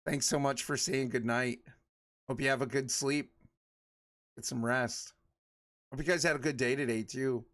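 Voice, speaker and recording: A man's voice: medium pitch, steady tone, moderate pace, long pauses, a bit bright. A man in his forties chatting casually with his livestream viewers, rambling and laughing often. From Michigan. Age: 40s. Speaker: livestream host.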